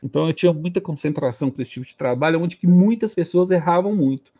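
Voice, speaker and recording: A man's voice: fairly high pitch, quick pace, dark tone. A man in his late forties with a Brazilian Portuguese accent, casually telling his career story as an interview guest, hesitating and repeating words as he thinks. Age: late 40s.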